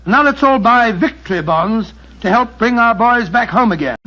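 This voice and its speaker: Genial bluff Doctor Watson, high bright voice, chatty and hesitant, 1940s radio, lo-fi sound. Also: male voice, lively intonation, moderate pace, full character voice. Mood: earnest. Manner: hesitant, chatty, then earnest and appealing. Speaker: storyteller giving a closing appeal.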